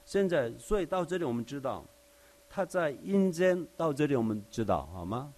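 Very animated and moderately paced, this man's voice is on the high side with a darkish tone. He delivers a conversational Bible study sermon, explaining verse by verse with everyday examples and often asking rhetorical questions.

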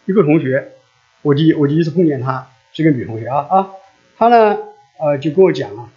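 A man's voice: a little high, lively intonation, a little fast. Earnest pleading male preacher, lo-fi. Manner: earnest, pleading, repeats his appeals. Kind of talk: sermon with altar call and prayer. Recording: dull lo-fi recording.

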